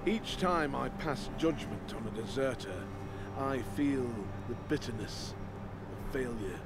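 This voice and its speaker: A stern old lord commander in a fantasy game delivers a solemn scripted speech to his sworn brothers, slow, grave, deliberate and oratorical. The male voice is medium-pitched and animated, his mood solemn and stern. The game audio carries clear, heavy background ambience.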